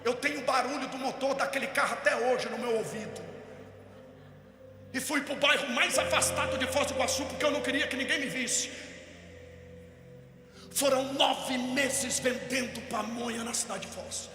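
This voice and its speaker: A male pastor telling a personal story in an impassioned sermon, rising from storytelling to shouted preaching. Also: very high voice, steady tone, normal speed. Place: large hall at a youth event. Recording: echoey hall with music behind.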